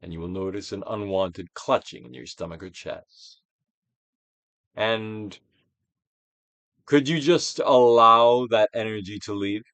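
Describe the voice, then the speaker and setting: This actor reads a self-help book in a lowish, fairly bright voice, slowly and with long pauses, and there's no echo. His delivery is declamatory and dramatic in the manner of a stage Shakespearean, stretching phrases out for effect.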